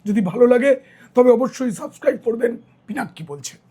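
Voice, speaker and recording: A middle-aged male journalist giving political news commentary, hoarse and tired, speaking earnestly straight to his viewers. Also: very high voice, expressive, a little fast, dark tone. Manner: earnest, direct address to viewers.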